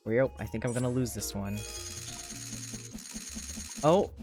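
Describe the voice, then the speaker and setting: Excitable streamer chatting over a game. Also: medium pitch, a little slow, faint music behind. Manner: excitable, swears freely, frequent repeats. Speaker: livestreamer. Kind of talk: casual chat while gaming live.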